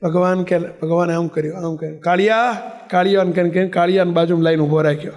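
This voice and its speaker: Slightly high and a little mellow, this male preacher's voice keeps a level tone while he talks very fast. His sermon centers on a story whose characters he acts out, and he poses rhetorical questions to those listening.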